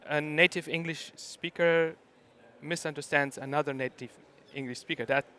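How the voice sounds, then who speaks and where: A man's voice: a little high, steady tone, moderate pace, sharp tone, clear, resonant tone. A middle-aged man from Germany, giving a conference talk and hesitating often with ums and uhs. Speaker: conference speaker.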